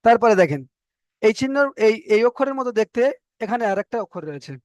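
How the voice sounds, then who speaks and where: A man with a Bengali accent and a fairly high voice, teaching Arabic letters in a patient, step-by-step way. He repeats each letter name and stretches the vowels to show the right length. The sound is close and dry, with no room around it. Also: expressive, quick pace, darkish tone, no room sound. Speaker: Quran reading teacher. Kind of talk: explanatory online lesson.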